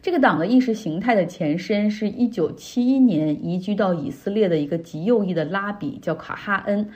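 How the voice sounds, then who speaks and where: A woman's voice: medium pitch, a little fast, darkish tone. A woman hosting a podcast, explaining the news in a chatty, explanatory way with frequent tag particles. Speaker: podcast host. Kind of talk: casual news commentary.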